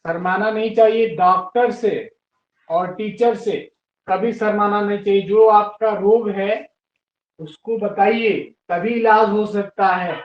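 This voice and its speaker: Male teacher, high voice, spells words out slowly, patient, roomy dull lo-fi classroom sound. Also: fairly even intonation. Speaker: English teacher. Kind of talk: classroom lesson.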